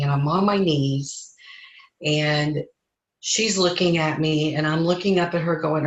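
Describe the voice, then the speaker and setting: A woman slowly and earnestly telling a personal spiritual story in conversation, halting as she goes. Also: lowish voice. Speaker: interviewee sharing a spiritual story. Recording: echoey room.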